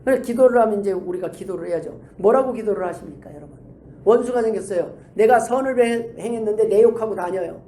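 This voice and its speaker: A middle-aged woman pastor preaching a sermon in a lively way, acting out the quoted lines of the people in her stories. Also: mid-range voice, quick pace. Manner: animated, acts out quoted dialogue in shifting voices. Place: church hall. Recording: echoey room.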